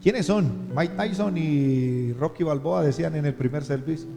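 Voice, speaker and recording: Pastor guy preaching, highish voice, big church echo, music under it. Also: a little slow, creaky. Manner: repetitive preaching with rising emotional questions. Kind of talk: sermon. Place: church hall. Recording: long church reverb with music behind.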